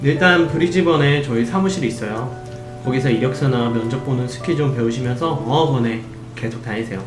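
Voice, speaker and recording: A man's voice: medium pitch, a little fast, reverberant, over music, natural voice. A man voicing a blunt male working holiday counselor who gives matter-of-fact advice.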